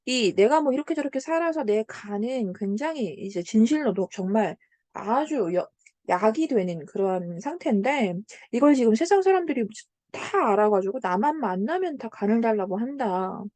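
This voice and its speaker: This Korean literature tutor has a somewhat high voice and talks at normal speed in a dry recording. Chatty as she goes over exam answers, she keeps asking her students "right?" or "got it?" and brings the story lines to life as she recounts them.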